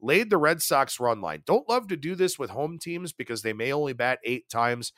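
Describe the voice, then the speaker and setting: Animated man rattling off baseball stats. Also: mid-range voice, no echo, clean studio sound. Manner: rapid stat-heavy delivery, animated. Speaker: sports betting analyst. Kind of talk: solo podcast analysis.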